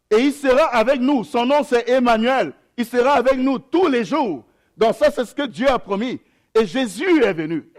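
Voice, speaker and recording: An extremely high-pitched young man, a pastor whose first language is African, gives a sermon. He begins with slow scripture reading and continues preaching with hesitant pauses and phrases said again and again.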